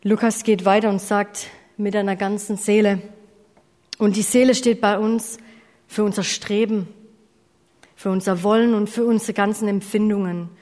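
In a hall with long reverb, a woman preacher speaks with a steady, slightly mellow tone at medium pitch and moderate pace. Her sermon is earnest and direct, full of questions for listeners, with occasional self-corrections and apologies for slips.

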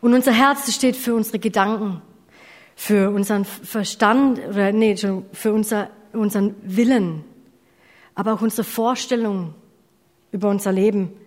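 A woman preaches earnestly and directly, asking her listeners questions and sometimes correcting herself or apologizing for slips. Her mid-range voice is slightly mellow and moves at a moderate pace, with long hall reverb around it.

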